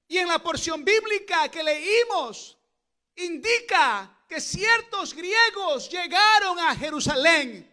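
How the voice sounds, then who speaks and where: High-pitched, bright-voiced man preaching fervently. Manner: impassioned, rising to shouted exclamations. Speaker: pastor. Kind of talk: Pentecostal sermon. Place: church service.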